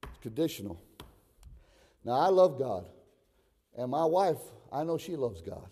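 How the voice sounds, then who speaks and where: A man in his sixties preaches a sermon to a congregation in a large, reverberant hall, his medium-pitched voice warm and slightly breathy, unhurried, with big pitch swings. He shifts between conversational talk and emphatic exhortation, repeating phrases for emphasis.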